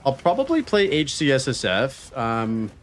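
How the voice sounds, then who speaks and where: A man's voice: mid-range voice, huge pitch swings, normal speed. Casual male game streamer, faint background noise. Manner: informal gamer slang. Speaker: game streamer and podcast host. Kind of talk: casual live-stream chat over gameplay. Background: quiet game sounds and voices.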